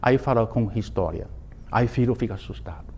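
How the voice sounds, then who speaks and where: A man, a Taoist master, giving an informal spoken lesson in simplified non-native grammar, often restarting words and telling stories with sudden lifts in pitch. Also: a little fast, darkish tone. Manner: storytelling with bursts of raised pitch. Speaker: Taoist master teaching a course.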